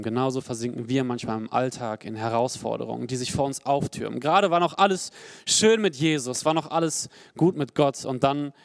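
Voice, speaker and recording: A young adult man preaching a sermon in an earnest, personal way, rising to emphatic peaks and dropping to quiet, low passages. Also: no echo, clean studio sound.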